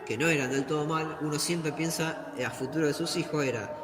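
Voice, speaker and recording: A man's voice: a little high, fairly quick. A man with an Argentine accent guiding visitors through a museum, explaining as he goes and asking and answering his own questions. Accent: Argentine Spanish. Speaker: museum tour guide. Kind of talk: guided museum tour explanation. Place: museum hall. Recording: echoey room with loud background noise.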